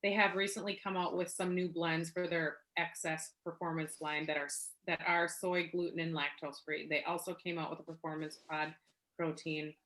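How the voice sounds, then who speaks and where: A woman leading a casual team call, chatty and excitable, rambling from one story to the next. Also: low-pitched, normal speed, rough recording. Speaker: team leader.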